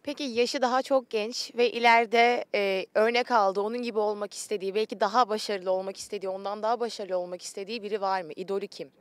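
A woman's voice: mid-range voice, fairly even intonation, fast, hardly any pauses, no echo. A woman asking questions as a sports interviewer, speaking outdoors into a handheld microphone. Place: outdoors on a training pitch.

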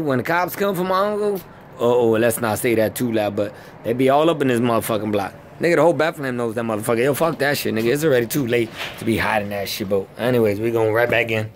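A man's voice: medium pitch, a little hiss or hum. A young man giving a loose, slangy, swearing walking tour of a house, talking to a handheld phone camera. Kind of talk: casual, profane walking tour. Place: inside a house, walking room to room.

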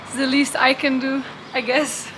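A cheerful young woman with a high voice chats to her camera in a casual travel vlog, addressing viewers directly from outdoors beside a road and a lake. Her delivery is flat and moderately paced, recorded on a handheld camera at arm's length with music underneath and a noisy background.

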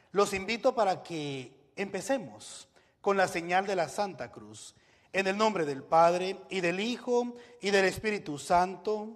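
Male minister, solemn and measured, high voice in a big echoing church. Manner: solemn, measured liturgical delivery. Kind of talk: leading a church service. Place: large church. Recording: long reverb in a large church hall.

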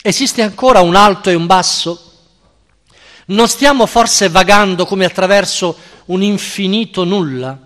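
A male lecturer reading aloud the lines of a frantic man who cries out that God is dead, declaiming them in loud, impassioned questions. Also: high voice, measured pace, pitched above the performer's own voice. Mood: anguished. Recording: reverberant lecture hall.

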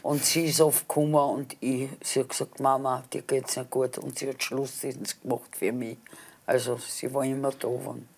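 A woman's voice: extremely low pitch, level tone, moderate pace, vocal fry, husky. A woman, talking bluntly and unhurriedly as a guest on a TV talk show. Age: 70s. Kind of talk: casual talk show chat. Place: TV studio set.

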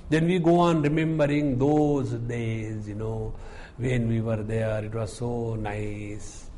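Slow-talking older Indian-accented swami. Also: male voice, mid-range voice, darkish tone, slight background noise. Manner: deliberate, explains term by term with anecdotes. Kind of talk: spiritual discourse explaining scripture.

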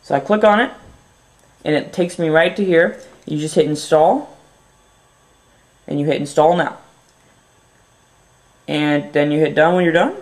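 A young tech video host walks through a casual phone how-to, sounding slightly stuffy from a runny nose. His delivery is relaxed and upbeat, full of fillers, with a pitch a bit on the high side, and he takes his time with long pauses. The room is noticeably echoey.

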